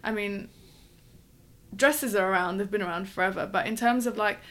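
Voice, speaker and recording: Woman, interview guest, thoughtful, frequent ums, mid pitch, conversational. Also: moderate pace, fairly bright tone. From England. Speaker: wedding dress designer, guest.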